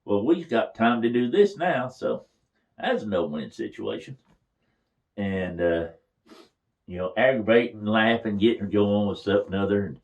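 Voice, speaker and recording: An older man tells family memories in a casual, folksy way. His voice sits a little low, and he chuckles now and then as he talks. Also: very animated, moderate pace, lo-fi sound. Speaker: storyteller. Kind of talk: casual reminiscing.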